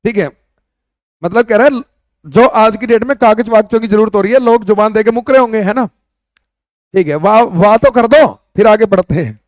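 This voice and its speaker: Loud emphatic male teacher, very high voice. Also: normal speed, dry recording, studio quality. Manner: loud, emphatic, addresses students as beta and bhaiya. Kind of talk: online exam-prep class.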